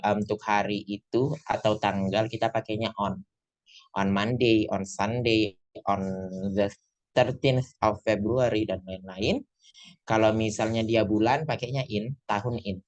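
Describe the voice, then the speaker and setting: A male tutor gives an online English lesson over a video call. He talks in a chatty way and drops English phrases into his explanations. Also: on the low side. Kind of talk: online class lecture. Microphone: computer mic on a video call.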